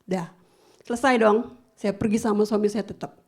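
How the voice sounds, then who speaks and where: A woman pastor preaching a sermon, animated, swinging between loud emphasis and soft asides. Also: medium pitch, moderate pace, creaky, slightly rough. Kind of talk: sermon with personal anecdotes.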